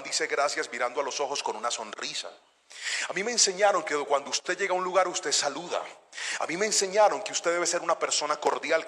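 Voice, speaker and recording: A middle-aged man preaches a sermon in a high, bright voice. He drops to hushed storytelling and then rises to loud exhortation. His voice rings with the long reverb of a large church hall.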